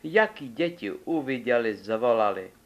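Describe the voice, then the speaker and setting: A man reading a fairy tale aloud in a measured, expressive storytelling manner. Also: mid-range voice, highs cut off. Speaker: narrator.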